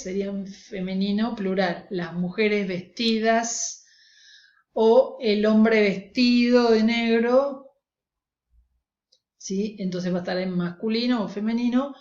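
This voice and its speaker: A woman's voice: medium pitch, a little mellow. A woman teacher giving a recorded grammar lecture, explaining step by step and often checking in with her students. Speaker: language teacher. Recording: roomy, dull lo-fi recording.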